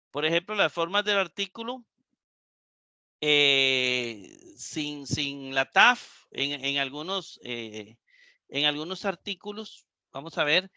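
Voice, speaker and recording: A man teaching a live Greek class, slow and explanatory, with many fillers and repeated words. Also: a little high, bright, forceful tone, dry recording. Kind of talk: live online lecture.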